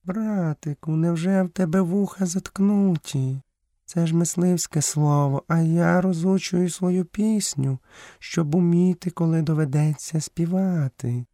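A man voicing a gentle, modest female panther in an audiobook, with a soft, coaxing, hushed manner. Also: a little high, measured pace, dry recording, studio quality, voice pushed up. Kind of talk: audiobook character voice.

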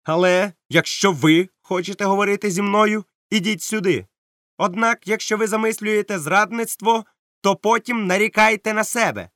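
A man's voice: high-pitched, moderate pace, fairly bright tone, dry recording, studio quality, voice pushed up. Man doing a stern barking ship captain. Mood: cold. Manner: curt, barking orders.

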